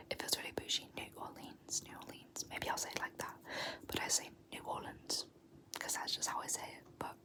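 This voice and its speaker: In this whispered ASMR clip, a young British creator goes over words at a slow pace, breaking into little laughs between her soft repetitions.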